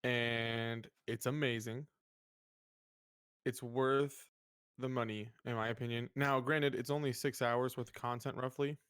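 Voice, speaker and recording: A man's voice: mid-range voice, little pitch movement, a little slow, a bit bright, clear, resonant tone, no room sound, clean studio sound. A man co-hosting a podcast in casual, conversational chat. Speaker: podcast co-host.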